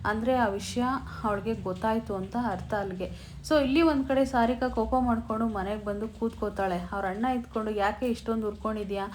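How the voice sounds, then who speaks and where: A woman's voice: a little high, moderate pace, a little mellow, slight background noise, low-quality recording. A woman casually retelling a TV serial episode in a chatty way, slipping in English words. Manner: chatty, quoting lines in her own voice, mixing in English words. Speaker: serial recap narrator. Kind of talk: casual storytelling recap.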